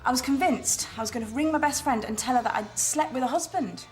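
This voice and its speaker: A woman's voice: sits high, fast talker, lightly acted. An actress playing a nervous, chatty young woman in a TV soap who rambles and puts herself down. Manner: chatty, rambling, self-deprecating. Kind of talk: TV soap acting.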